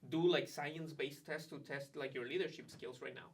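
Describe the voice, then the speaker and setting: A chatty, animated man speaks as a graduate student ambassador, his voice sitting a touch high for a man. He loses himself in fillers as he talks. The mic is a little way from him, so he sounds slightly distant. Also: moderate pace, breathy edge. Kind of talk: casual conversation.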